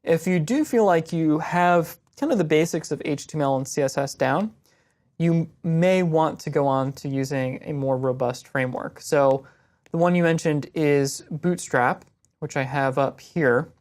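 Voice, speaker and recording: A young woman answering viewer questions about web design in a casual, relaxed screen-share lesson, explaining step by step. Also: deep voice, a little slow.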